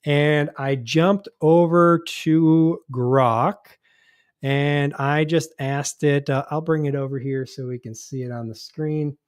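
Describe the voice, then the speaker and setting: Steady, slow, and clear, this man's fairly high, resonant voice comes through a dry, studio-quality recording. He's a podcast host doing a casual live-stream chat, reading news items aloud with plenty of hesitation and restarts.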